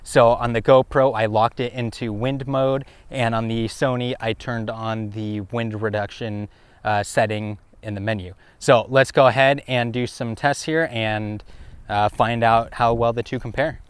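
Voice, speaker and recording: A man's voice: medium pitch, steady tone, unhurried, smooth, no echo. A man giving a casual, explanatory camera test commentary as the host of a review video, speaking outdoors into an action camera microphone. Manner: explanatory, informal. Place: outdoors on a windy hilltop. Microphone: action camera built-in microphone. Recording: heavy wind noise, outdoor camera microphone. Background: loud wind noise.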